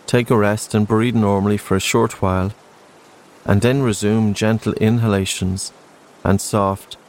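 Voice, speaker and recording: A man narrating a guided relaxation in a slow, soothing sleep-story manner, gentle and unhurried, with spaced-out phrases. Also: lowish voice, slight background noise, rough recording.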